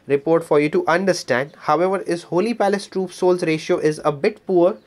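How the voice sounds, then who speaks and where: A man's voice: fairly high pitch, fairly quick. A man hosting a gaming channel, walking viewers through a strategy game guide with patient, repetitive explanations, addressing them as his dear friends. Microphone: voice-over on screen recording.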